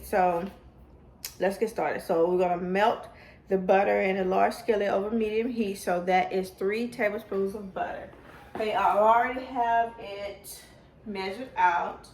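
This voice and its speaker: A woman who talks with braces, giving a casual cooking demonstration and thinking aloud in an informal way. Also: medium pitch. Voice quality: speaking with braces. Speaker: home cooking vlogger. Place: home kitchen. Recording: roomy, distant mic, faint noise.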